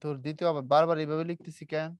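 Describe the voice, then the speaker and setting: A man teaching a grammar lesson to a class in a lively, teasing way, quizzing his students. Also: fairly high pitch, rapid-fire, clear, resonant tone, dry recording.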